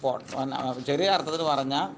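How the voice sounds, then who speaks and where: Guy teaching a religious text, kinda high voice, reads arabic slow then explains fast, faint hum behind. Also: a bit bright. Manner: reads Arabic slowly, then explains in quick colloquial speech.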